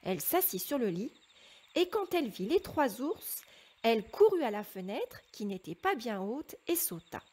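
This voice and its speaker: A woman narrating a children's fairy tale with slow, expressive storytelling. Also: on the high side, breathy edge.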